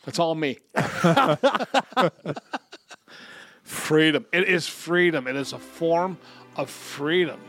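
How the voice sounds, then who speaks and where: A man co-hosts a podcast in a voice on the high side, speaking extremely slowly with long pauses over soft background music. The bawdy, comedic casual chat is animated and crude, with plenty of gusto and free swearing.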